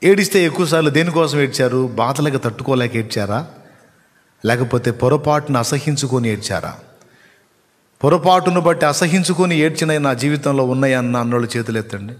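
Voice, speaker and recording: A man's voice: mid-range voice, lively intonation, brisk. A man preaching a sermon with emphasis, firing questions at his congregation. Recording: long hall reverb.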